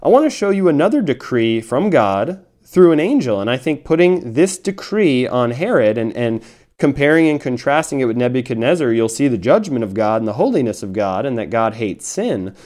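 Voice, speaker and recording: A man's voice: medium pitch, big pitch swings, normal speed, a little mellow. A man teaching verse by verse through a Bible chapter, reading passages aloud and explaining them with earnest emphasis. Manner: earnest, emphatic preaching with scripture read aloud.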